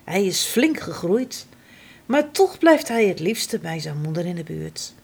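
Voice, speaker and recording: A woman reading a children's storybook aloud, dramatic and full of expression. Her pitch rises and falls a great deal, and she takes her time. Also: sing-song, unhurried, vocal fry, a little mellow, slightly rough.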